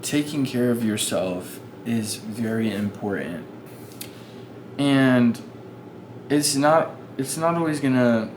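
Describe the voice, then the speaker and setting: A man's voice: medium pitch, slow. A young man vlogging, telling a casual story full of fillers and restarts. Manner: rambling, many fillers and restarts. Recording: noisy background ambience.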